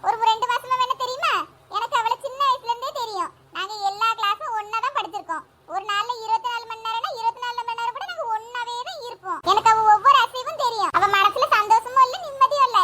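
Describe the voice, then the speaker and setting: A woman playing a sly scheming girlfriend, very high voice. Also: fast. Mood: persuasive. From Tamil Nadu. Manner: pleading then sly asides. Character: scheming young woman friend, sly meddler. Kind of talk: village comedy skit acting. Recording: loud background noise.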